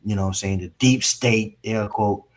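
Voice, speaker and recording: A man's voice: fairly low pitch, fairly even intonation, normal speed. A man in casual political chat, rambling with lots of fillers and laid-back slang.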